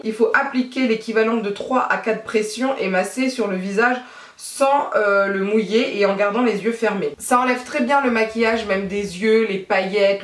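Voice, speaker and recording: A woman beauty vlogger talking casually at home, chatty and self-mocking, quick to laugh at herself. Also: on the high side, distant mic. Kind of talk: casual chat to camera. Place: at home, child nearby. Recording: echoey room, voice set back from the mic.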